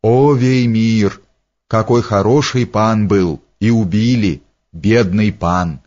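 A man voicing an excitable, fawning little man who speaks broken, exclaiming phrases. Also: lowish voice. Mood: fretful. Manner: broken grammar, exclamations, drawn-out words. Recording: dull lo-fi recording.

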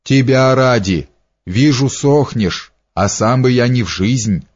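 A man's voice: medium pitch, takes it slowly. A man voicing a blunt, grumbling, superstitious male servant, in a dull lo-fi audiobook recording.

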